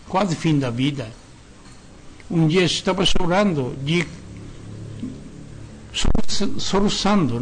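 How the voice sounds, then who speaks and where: A reverend giving an earnest sermon-style lecture, speaking in short broken phrases, repeating key words and tagging sentences with questions. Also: male voice, fairly high pitch, slight background noise.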